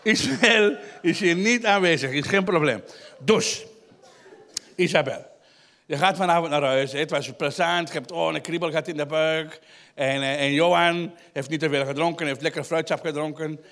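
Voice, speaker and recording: A young Flemish man doing live stand-up comedy in a tent show, teasing front-row audience members with wild, drawn-out shouting. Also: on the high side.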